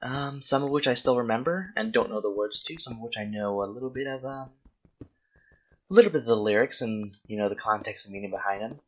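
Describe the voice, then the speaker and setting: While gaming, a young adult video host takes viewer questions in casual, rambling chat, frequently self-correcting as they think aloud. Medium pitch, fairly quick, a bit bright, with the highs cut off.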